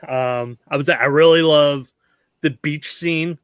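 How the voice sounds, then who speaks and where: A giggly male host on a casual movie review podcast, chatting loosely with plenty of fillers. His voice sits a bit high for a man. The sound is dry and close. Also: steady tone, a little slow, clear, resonant tone, no echo.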